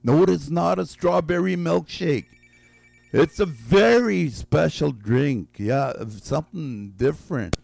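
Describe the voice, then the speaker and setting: A radio game show host runs a call-in guessing game while losing his voice, drawing out each guess and repeating it slowly with chuckles. His fairly high, somewhat mellow voice is creaky with lively intonation. The recording is dry.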